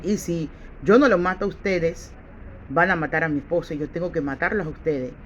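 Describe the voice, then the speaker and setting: A cornered, desperate witch confesses in a low, subdued voice, quoted by a woman preacher. The recording is dull and lo-fi, with a faint hiss. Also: a little fast, close to an everyday voice.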